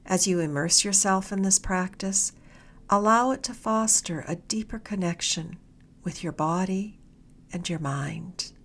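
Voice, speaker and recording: A mindfulness mentor guides a meditation in a soft, somewhat low voice, gentle and soothing with no hurry. Her phrases trail off slightly breathy at the ends.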